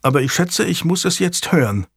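A man's voice: on the high side, very animated, a little fast, creaky, husky, dry recording, voice pushed up, exaggerated voice. A man voicing an earnest, slightly unsure young male lord, hesitant and friendly, read dry and close.

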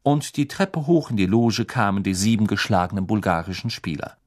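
A man's voice: lowish voice, a little fast. A man reading a fantasy novel aloud as an audiobook narrator. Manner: expressive storytelling. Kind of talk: scripted narration.

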